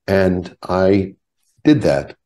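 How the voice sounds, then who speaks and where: An older man from Canada recounts his past in a calm, measured way. His voice sits fairly low with a dark, mellow tone, heard through a webcam on a video call from a home office. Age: 70s. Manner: measured, reflective storytelling. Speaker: guest, rabbi. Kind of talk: storytelling in a video-call interview.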